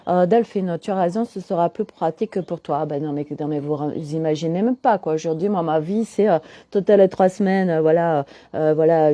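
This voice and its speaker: Mellow-voiced middle-aged woman chatting live. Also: medium pitch, dry recording. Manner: chatty, answers viewers' comments as she talks. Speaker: holistic coach. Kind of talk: casual live stream chat.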